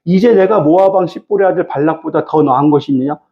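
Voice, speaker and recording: A male pastor preaches a Wednesday evening sermon, working verse by verse and talking conversationally straight to the congregation. His voice runs high and fast, and the sound is lo-fi.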